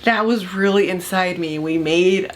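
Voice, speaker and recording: A woman's voice: on the low side, a little slow. A young woman, a new mother and vlogger, chatting casually and adding wry remarks. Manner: relaxed, chatty, adds wry comments. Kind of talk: casual chat.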